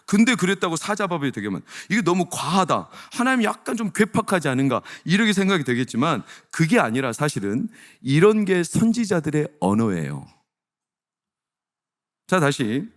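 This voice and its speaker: Lively male pastor preaching. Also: on the high side, moderate pace. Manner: animated, questions the congregation directly. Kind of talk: sermon.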